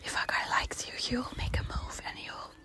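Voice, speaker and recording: A woman telling a personal ASMR storytime in a hushed, quiet night-time whisper, informal and confiding. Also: moderate pace.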